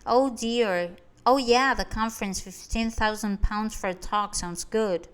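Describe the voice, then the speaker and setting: A woman narrator putting on a woman with a Russian accent, chatting on the phone in an offhand, breezy way that stays a touch cool. The voice is pitched a little above the reader's own and comes through smooth and clear. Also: a little slow, natural voice.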